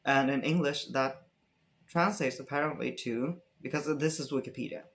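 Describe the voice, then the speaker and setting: A young man from Sweden with a Swedish accent, answering fan questions in a relaxed, rambling vlog chat. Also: mid-range voice, normal speed. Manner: relaxed, rambling, many fillers and restarts. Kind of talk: casual Q&A chat.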